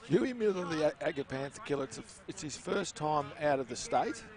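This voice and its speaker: A man's voice: a little high, fairly quick. A man with an Australian accent doing casual, joking commentary of a school football match outdoors. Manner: chatty, joking, lively banter. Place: outdoor sports ground. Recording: noisy outdoor livestream.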